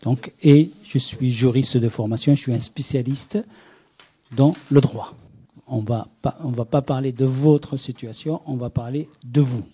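A man's voice: medium pitch, steady tone, measured pace, mellow, husky. A middle-aged man who runs an association, leading a group discussion and asking many questions in an encouraging way. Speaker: workshop facilitator, association director.

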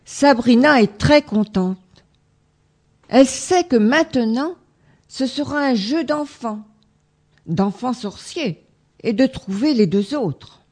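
Woman reading a fairy tale, slow. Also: fairly high pitch, lively intonation, a little mellow. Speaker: storyteller. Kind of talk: reading a children's tale aloud.

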